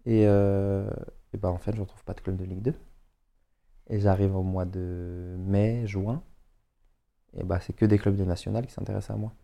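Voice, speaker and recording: A young man with a Paris suburbs accent, a footballer chatting as a podcast guest, slangy and animated as he acts out what people said. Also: low-pitched, normal speed, creaky, pauses often. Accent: Parisian suburbs French. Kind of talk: casual storytelling chat.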